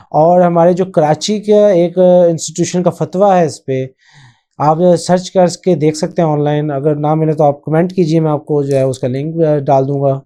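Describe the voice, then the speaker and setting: A man's voice: on the high side, mellow. A man hosting his own channel, talking through a topic in casual spoken commentary, rambling with frequent hesitations and English phrases mixed in. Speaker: channel host.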